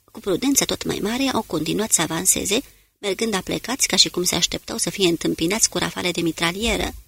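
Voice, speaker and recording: A woman narrating an audiobook in an even, measured reading style. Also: on the low side, creaky, husky, no room sound. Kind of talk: scripted narration.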